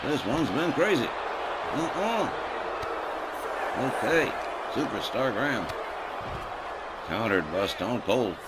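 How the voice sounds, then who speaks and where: A man's voice: medium pitch, animated, unhurried, pauses often. A man giving wrestling commentary as a play-by-play announcer, in clipped, blow-by-blow phrases with exclamations. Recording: loud noisy background.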